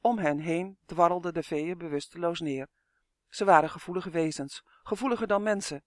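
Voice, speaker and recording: A man narrating a children's storybook in a measured, expressive reading. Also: a little high, no room sound, clean studio sound. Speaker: audiobook narrator.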